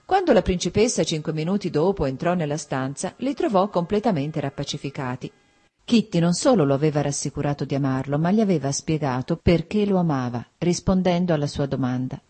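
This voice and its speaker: Breathy, low-voiced woman narrator. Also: expressive, fairly quick, warm tone. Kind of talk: audiobook reading of a classic novel.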